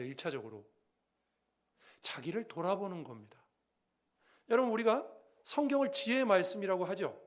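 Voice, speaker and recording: A middle-aged man preaching a sermon as pastor, telling stories with acted-out voices and asking the congregation questions. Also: sits high. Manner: lively storytelling, acting out quoted voices; asks the congregation questions directly.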